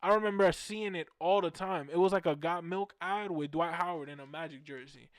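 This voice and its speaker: A man in his twenties from Orlando hosting a fan show, telling casual stories in an animated, slangy way and repeating phrases for emphasis. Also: sits high, brisk, clean tone, no echo, studio quality. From Orlando, Florida, USA. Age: 20s. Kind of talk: casual storytelling.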